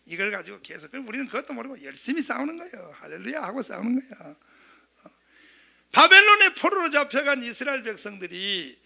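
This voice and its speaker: Male pastor from southeastern Korea, middle-aged, high gravelly voice, animated sermon delivery. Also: fairly quick. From Gyeongsang region, South Korea. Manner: animated, acts out quoted voices, calls for amens.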